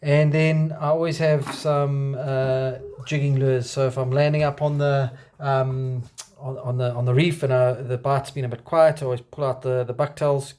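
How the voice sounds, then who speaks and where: Man, broad South African accent, mid-pitched voice, casual gear show-and-tell, hesitant unscripted phrasing. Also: little pitch movement, normal speed, a little mellow, clean tone. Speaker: kayak angler presenting his gear.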